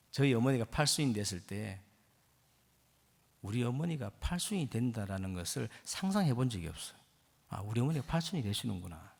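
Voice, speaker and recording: A man's voice: medium pitch, gravelly. A man in his fifties, a guest pastor preaching a sermon with impassioned, rising exhortation in a church sanctuary. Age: 50s. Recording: long church hall reverb.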